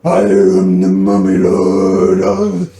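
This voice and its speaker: A game master voicing an imperious undead mummy lord in a hollow, unearthly, slowly proclaiming voice. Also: sits low, very animated, creaky, warm tone, echoey room, distant mic, soft background music, voice pushed down, heavily acted.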